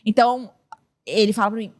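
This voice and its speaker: Rapid-fire woman co-host, high voice, second-guesses herself out loud. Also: steady tone. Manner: quick, self-questioning, with many restarts. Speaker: podcast co-host; mother of children. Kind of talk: casual podcast chat.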